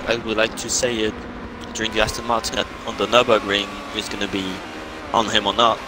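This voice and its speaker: A man's voice: fairly low pitch, little pitch movement, a little fast, background noise. A man co-commentating live on an online car race, adding observations and driver analysis like a motorsport commentator.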